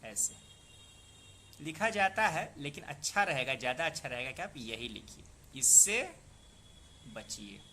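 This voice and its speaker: A man's voice: mid-range voice, very animated, measured pace, pauses often, pushed and bright, slight background noise. A man teaching a spoken lesson on pronunciation and spelling, patiently explaining, repeating words aloud and asking the listener questions. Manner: asks the listener rhetorical questions. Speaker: Hindi language teacher.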